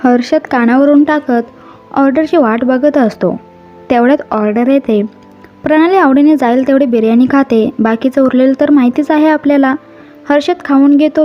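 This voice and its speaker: A woman tells a romantic story in a high voice, reading both the man's and the woman's lines herself. She slips English and Hindi phrases into the narration. The audio is a little dull, with faint music beneath her voice. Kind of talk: storytelling narration with character dialogue.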